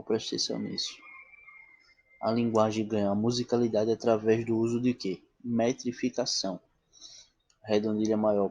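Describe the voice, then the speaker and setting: Speaking slowly and deliberately, this male literature teacher lectures classroom-style in a low, husky voice, recorded dry and close with no echo. He keeps checking in with "tá bom?" and "né?" and answers the questions he raises himself.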